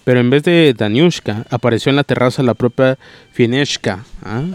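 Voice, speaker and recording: A man reading a novel aloud at a steady pace, sometimes stumbling and restarting a word. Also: medium pitch, normal speed, a little hiss or hum. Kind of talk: audiobook reading, plain voices for characters.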